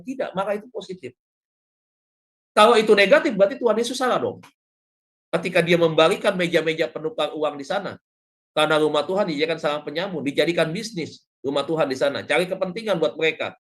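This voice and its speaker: A man, a pastor, giving a devotional sermon in a conversational preaching style with frequent asides. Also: a little high.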